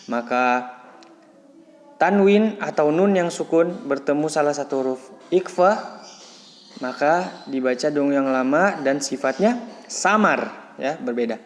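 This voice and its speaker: A man teaching Quran recitation rules patiently, breaking off to chant Arabic words slowly and louder. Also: on the high side, big-room sound. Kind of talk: tajwid lesson, explaining then chanting words.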